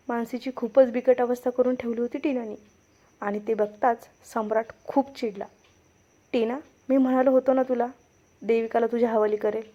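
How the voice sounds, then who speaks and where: A woman reading aloud her own dramatic romance story as its narrator, telling it expressively. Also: a little high. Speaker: story reader and writer. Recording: dull lo-fi recording.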